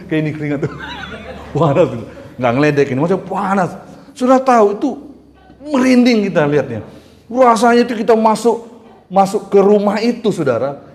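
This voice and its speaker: A man's voice: a little high, a little mellow. A middle-aged male pastor preaching a sermon in a conversational way, with emphatic bursts and calls to the congregation. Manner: conversational preaching with rising emphatic bursts and audience call-and-response. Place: church hall. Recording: roomy echoing church hall.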